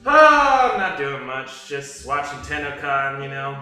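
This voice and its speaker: A man's voice: on the high side, very animated, a little slow, pushed and bright. A man streaming and chatting casually on a call, his voice with a cave-like echo from a bare bedroom with wood floors. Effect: cave-like echo from a bare room. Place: sparsely furnished bedroom with wood floor, no acoustic foam. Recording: echoey bare room, event stream music behind.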